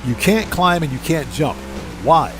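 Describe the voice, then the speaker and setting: A man's voice: fairly high pitch, animated, a little slow, music in the background. A man hosting a live game stream, chatting casually with viewers and repeating himself for emphasis, over game noise.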